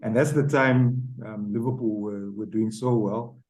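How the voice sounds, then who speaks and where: Zambian-born guy in his forties, kinda low voice, lots of ums, being interviewed. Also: steady tone, unhurried, darkish tone, rough recording. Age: 40s. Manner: hesitant, many ums and uhs. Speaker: guest author. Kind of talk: casual interview chat. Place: home, South Africa.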